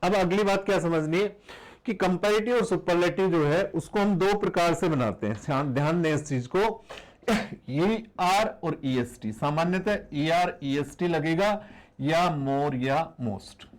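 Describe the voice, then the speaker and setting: A man's voice: high voice, normal speed, poor audio. A man teaching a grammar lesson to beginners, patiently repeating each rule and asking the class rhetorical questions.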